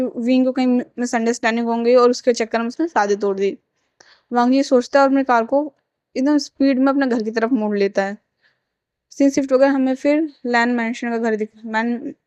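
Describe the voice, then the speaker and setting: A young woman tells a fan fiction story, speaking all the characters' lines in her own voice with plain emotion. Her voice sits high. It is recorded close and dry, with no room sound. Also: darkish tone, smooth, dry recording, lo-fi sound.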